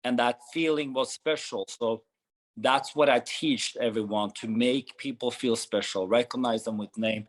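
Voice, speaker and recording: A man's voice: mid-range voice, poor audio. A man in his thirties who grew up in Norway answers interview questions in his mid-range voice. He speaks earnestly and often restarts his sentences as he goes. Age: 30s. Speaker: gym founder, guest.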